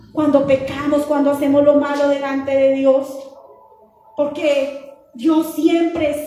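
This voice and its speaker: A woman preacher giving an earnest, repetitive sermon with a sing-song cadence. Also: high-pitched. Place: church. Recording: very echoey church with soft music behind.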